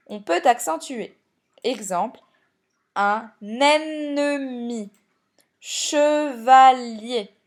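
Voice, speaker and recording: A woman teacher records a spelling lesson for young pupils. Her voice sits a little high and her pace is unhurried, with every word laid out clearly. She speaks straight to the children as she explains. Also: darkish tone. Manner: slow, clear classroom explanation, addressing pupils directly. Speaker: primary school teacher.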